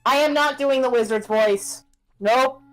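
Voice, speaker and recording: A woman casually chatting and joking while streaming a co-op game, playful and animated. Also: high voice, unhurried, faint music behind, poor audio.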